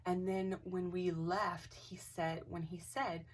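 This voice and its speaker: A woman telling a personal ghost story to camera in a casual, animated way, acting out the dialogue and sometimes dropping to a whisper. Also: fairly low pitch, takes it slowly, slight background noise. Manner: animated, acts out quoted dialogue, drops into whispers. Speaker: craft channel host. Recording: voice a bit distant from the mic.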